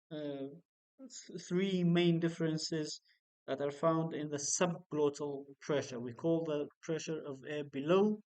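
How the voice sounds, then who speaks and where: A male university lecturer, a native Kurdish speaker, explaining phonetics slowly with frequent fillers. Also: fairly high pitch, a little mellow, clean tone, poor audio.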